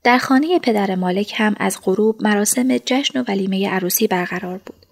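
Woman narrator, first-person audiobook, soft and hushed. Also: medium pitch.

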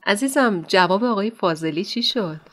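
A motherly woman doctor and counselor, played by an actress in a radio drama. She speaks gently and affectionately, with a voice of middling height, and she sounds kind and reassuring. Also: medium pitch, lively intonation, lightly acted. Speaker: counselor at an Islamic center.

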